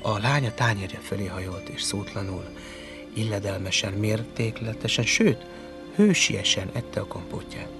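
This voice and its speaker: A man's voice: fairly low pitch, expressive, music in the background. A man reading a story aloud in a dramatic, theatrical way, dropping to whispers and rising to outbursts. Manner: theatrical, shifts between whispers and loud outbursts. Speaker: narrator.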